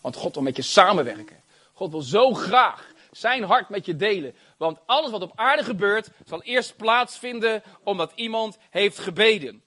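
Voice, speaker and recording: High, bright, animated male preacher. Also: normal speed. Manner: animated and exclamatory, with frequent hallelujahs and amens; laughs between phrases. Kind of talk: sermon.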